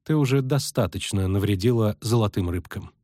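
A male reader voicing a calm, patient elven sorceress who speaks crisply and in command. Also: fairly low pitch, fairly quick, dry recording, studio quality, lightly acted.

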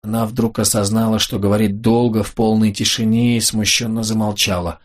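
A man narrating an audiobook in a calm, even reading manner. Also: lowish voice, fairly quick.

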